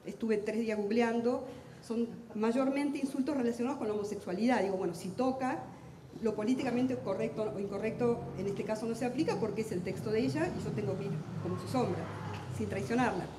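A middle-aged woman with an Argentine accent, a literary translator talking quickly and intensely on a book fair panel, with self-deprecating humor. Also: on the high side, noisy background. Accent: Argentine Spanish. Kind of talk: lively public talk at a book fair. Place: large hall at a book fair. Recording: echoey hall with long reverb.

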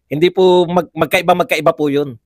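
A man's voice: on the high side, fairly even intonation, brisk, dry recording, clean studio sound. A man hosting a live political commentary show, chatty, laughing often and firing rhetorical questions at viewers.

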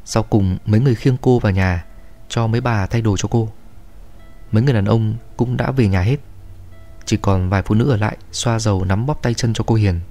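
A man reads a horror story aloud at a steady, measured pace. His voice is dark and mellow, with soft music faintly underneath. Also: lowish voice. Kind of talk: scripted horror narration.

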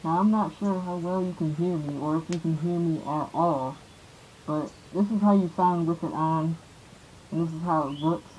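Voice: medium pitch, moderate pace, a little mellow, a little hiss or hum, poor audio. A person speaking through a gas mask, giving a plain, offhand casual product review.

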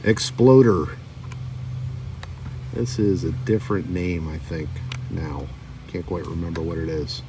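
A middle-aged man with a low voice talks through his toy car finds in a relaxed, chatty way. He sits outdoors, a bit far from the camera mic, with wind rushing behind him. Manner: relaxed, chatty, reads card backs aloud. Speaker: diecast collector vlogger. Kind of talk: casual show-and-tell narration. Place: outdoor table by a lake on a windy day. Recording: distant mic with wind noise.

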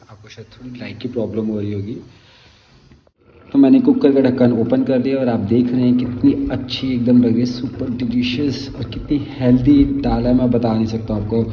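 A man, talking casually as a cooking vlogger in a home kitchen and apologizing for rushing. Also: medium pitch, a little hiss or hum. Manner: chatty and hurried, apologizes for rushing. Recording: roomy, slightly dull home recording.

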